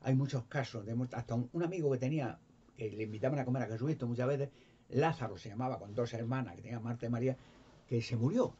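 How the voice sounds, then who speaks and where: Rambling Spaniard retelling Bible stories. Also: male voice, mid-range voice, fast talker, warm tone, breathy edge. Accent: Spain Spanish. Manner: rambling, repetitive, with frequent stammered restarts. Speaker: lay preacher. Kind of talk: informal Bible storytelling. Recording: slightly dull with faint background noise.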